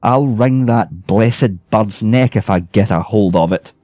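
A man's voice: fairly low pitch, measured pace, mellow, no room sound, clean studio sound, faint music behind. A man reading a story aloud, voicing a weary, grumbling male ghost who is sociable but bitter. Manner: grumbling complaints, then friendly.

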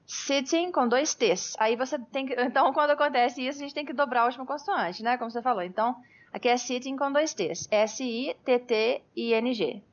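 A woman's voice: sits high, brisk, muffled recording. A woman teaching English spelling rules, spelling words out letter by letter and giving patterned example sentences. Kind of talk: bilingual teaching dialogue.

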